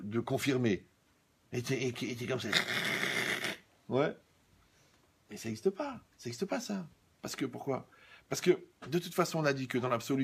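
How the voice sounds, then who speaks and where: A man delivers a humorous sermon as a religious teacher. His voice is gravelly and husky, and his delivery is wry and teasing, full of stories and asides to the audience. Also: medium pitch, darkish tone.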